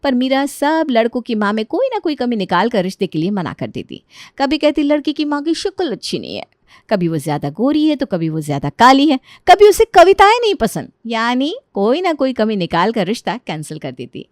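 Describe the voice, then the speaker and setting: A woman's voice: on the high side, big pitch swings, moderate pace, dry recording, studio quality. A woman narrating a cartoon story in a chatty, scripted style, talking straight to the listener. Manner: chatty, addresses listener directly.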